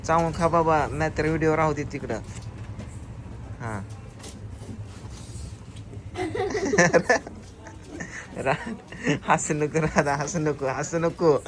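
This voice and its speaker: A man's voice: on the high side, steady tone, unhurried. Man cheering on a food race over street noise. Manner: urges and teases, counts out scores. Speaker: vlogger running a family food challenge. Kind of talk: casual excited commentary.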